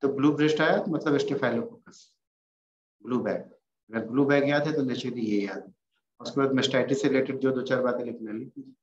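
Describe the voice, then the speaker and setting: A man's voice: medium pitch, a little fast. A man with a Bihari Hindi accent giving an informal veterinary pathology lecture, reassuring and repeating key terms. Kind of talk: classroom lecture. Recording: roomy, dull, faintly noisy lecture recording.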